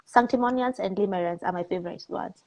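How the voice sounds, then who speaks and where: A woman with a Kenyan accent speaks casually as an interview guest, candid, expressive and informal in her phrasing. Her voice is medium in pitch, she talks fast, and the sound is lo-fi.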